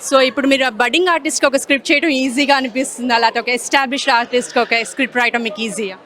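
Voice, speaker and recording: Bright, rapid-fire Indian woman hosting. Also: high voice. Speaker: red carpet interviewer. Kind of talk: red carpet hosting, switching between Telugu and English.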